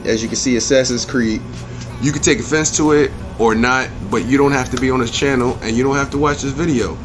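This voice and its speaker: A man's voice: mid-range voice, fairly even intonation, brisk, music in the background. A man hosting an opinionated review rant, speaking in an emphatic, blunt, profane way and repeating phrases for punch. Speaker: video game movie reviewer and channel host.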